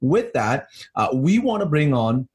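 A man's voice: a little high, sing-song, unhurried, darkish tone. A man co-hosting a ministry podcast from an office, upbeat and chatty. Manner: upbeat, many fillers and restarts. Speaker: podcast co-host. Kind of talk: podcast conversation. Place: office in Toronto.

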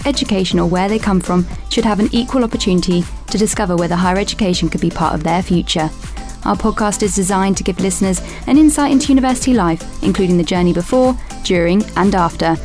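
A university podcast host reads a scripted welcome, then moves into a casual interview with a guest, staying upbeat and encouraging and reacting with enthusiasm. Her voice is medium in pitch and a little mellow.

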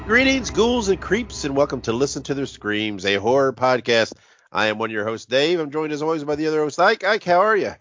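A man hosting a podcast, heavily congested so his voice sounds stuffed up, as if inside a box. He talks in a casual, halting way with many restarts. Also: a little high, animated, fairly bright tone, no room sound. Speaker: podcast host. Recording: dull, dry, muffled recording.

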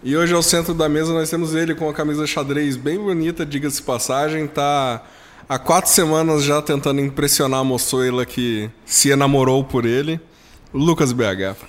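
A Brazilian man hosting a casual podcast, his voice hoarse and giving out as if under the weather. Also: on the high side, fairly even intonation, moderate pace. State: hoarse voice giving out, slightly ill. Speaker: podcast host. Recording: long hall-like reverb.

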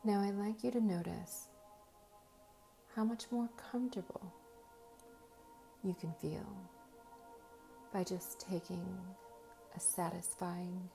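Slow, creaky hypnotist woman, dark and soft. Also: on the low side, steady tone. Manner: slow, soothing hypnotist delivery with long pauses between short phrases. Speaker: host of guided meditation and hypnosis sessions. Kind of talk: slow hypnotic guided relaxation. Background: faint music.

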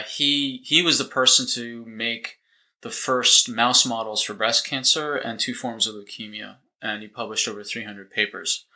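A man's voice: lowish voice, bright, forceful tone, rough recording. A man from the United States, a chiropractor, chatting as a podcast guest, talkative and wry, often restarting sentences. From United States, near Boston. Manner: talkative, self-correcting, wry. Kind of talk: casual podcast chat.

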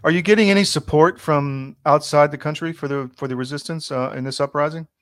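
A man's voice: on the high side, brisk, dry recording, clean studio sound. A man asking questions as the interviewer in a spoken interview.

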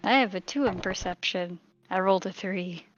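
A woman playing a tabletop game, speaking in a brisk, matter-of-fact way. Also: mid-range voice, a little hiss or hum. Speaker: player. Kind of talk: casual tabletop play. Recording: dry, slightly dull close mic.

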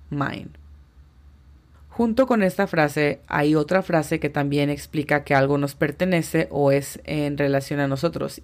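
A woman's voice: low voice, creaky. A woman teaching English on a podcast, patiently explaining step by step and spelling out pronunciations. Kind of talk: podcast language lesson.

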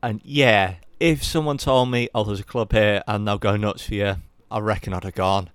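A man's voice: on the low side, fairly even intonation, normal speed, clear, resonant tone, no echo. A young man, by the sound of his talk, reviewing a horror sequel in a casual chat, candid and rambling, swearing now and then. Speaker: podcast co-host.

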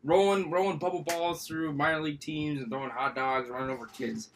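A man's voice: a little high, fairly even intonation, a little fast, slight background noise. A man, co-hosting a casual sports podcast in an easygoing, chatty way. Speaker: podcast co-host.

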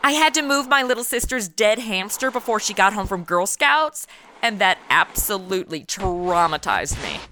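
A woman's voice: mid-range voice, expressive, normal speed, sharp tone, a little hiss or hum. An actress playing a flippant, sassy young modern woman who fancies herself a sleuth, chatting in slang in a comedic radio drama. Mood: breezy, bossy.

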